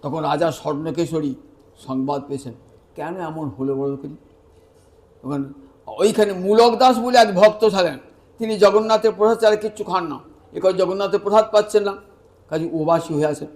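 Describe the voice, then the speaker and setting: A man's voice: high-pitched, fairly quick. A man giving a devotional sermon as a storyteller, acting out the lines of the people in the tale. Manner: animated, acts out the dialogue of the tale. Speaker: preacher.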